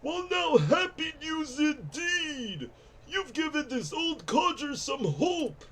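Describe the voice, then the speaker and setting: Strained, high-pitched grumpy old codger. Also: male voice, sing-song, slow, fairly bright tone, a little hiss or hum, heavily acted. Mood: insistent, hopeful. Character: chatty, nostalgic grumpy old man villager. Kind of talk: video game character read aloud.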